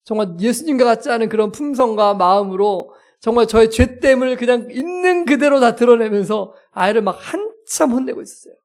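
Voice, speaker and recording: A male pastor preaching a sermon as a lively story, acting out scenes and poking fun at himself. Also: very high voice, fairly quick, few pauses. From South Korea. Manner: lively, self-mocking storyteller who acts out scenes.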